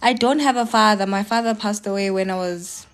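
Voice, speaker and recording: A woman's voice: medium pitch, a little fast. A young South African woman chatting casually with viewers during a live stream from home, encouraging and mixing languages. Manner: chatty, switches between English and local languages, encouraging.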